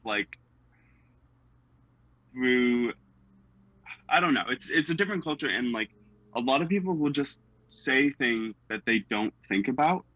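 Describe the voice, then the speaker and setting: A fairly high, sharp-toned young American man with a General American accent chats casually as a guest. His talk is hesitant, packed with fillers and frequent little laughs. The recording is muffled, with no echo.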